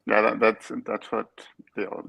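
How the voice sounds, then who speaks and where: A man's voice: fairly low pitch, completely flat delivery, moderate pace, creaky, bright, forceful tone, breathy edge. A man co-hosting a football podcast in casual chat, often trailing off mid-thought. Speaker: podcast co-host.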